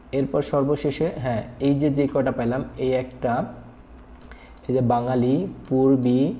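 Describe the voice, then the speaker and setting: A man's voice: medium pitch, warm tone, slight background noise. A male teacher giving a whiteboard grammar lesson, patient and repetitive, asking and answering his own questions with many hesitation fillers.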